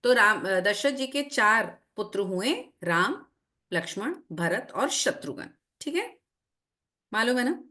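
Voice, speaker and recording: A woman's voice: medium pitch, big pitch swings, takes it slowly, sharp tone. A woman teaching children in an online class, telling a story and checking in with them often. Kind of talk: storytelling lesson to children on a video call. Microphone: video call.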